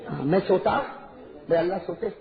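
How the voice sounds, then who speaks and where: A man preaching a sermon to a gathering, telling a story with shifting voices, sometimes shouting and sometimes slowly chanting scripture. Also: high voice, gravelly. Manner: animated, rising to shouts and slowing to recite Arabic. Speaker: Islamic preacher. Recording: tinny lo-fi, echoey hall with crowd.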